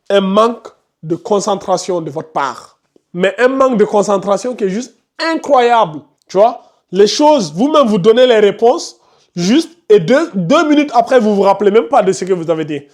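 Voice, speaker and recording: A man teaching a live tajwid class, questioning students by name and insisting they concentrate. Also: high voice. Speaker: Quran recitation teacher.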